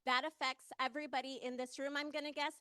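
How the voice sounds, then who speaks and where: Female campaigner, high forceful voice, urgent and direct public appeal. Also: level tone, quick pace, no echo, clean studio sound. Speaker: ballot measure campaigner. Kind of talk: short public advocacy speech.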